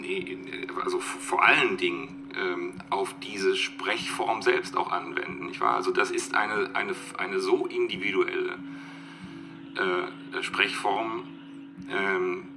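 A literary expert being interviewed, a man with a low, creaky voice, gives a reflective, unscripted explanation. He searches for words and often repeats them, and music plays behind his voice.

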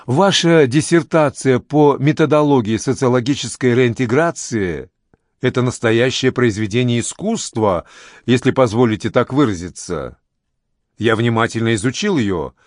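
A man reading as a mysterious stranger with a smooth, coaxing manner, flattering his listener and pressing an offer in a storybook. His voice sits at a middle pitch and sounds close and dry, with no room around it. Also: moderate pace, dry recording, natural voice. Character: smooth persuasive mysterious male recruiter.

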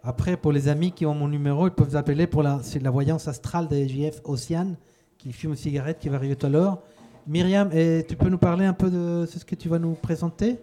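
Male host, casual live show, mellow dark tone, fairly high voice, restarts a lot. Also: steady tone, fairly quick. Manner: stumbling, restarting phrases.

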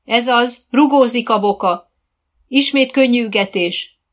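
A woman's voice: fairly low pitch, vocal fry, husky. A woman voicing an adult female riding instructor who is patient and encouraging, calling out commands to her pupils.

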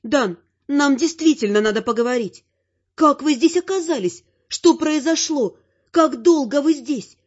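A man's voice: very high-pitched, a little slow, muffled recording, pitched above the performer's own voice. Stern commanding mother, voiced by a man. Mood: demanding. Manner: commanding, scolding. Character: stern imperious mother, middle-aged woman.

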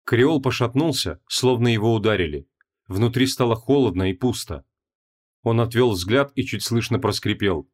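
A man narrating a fantasy audiobook with an expressive, dramatic reading. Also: medium pitch, normal speed.

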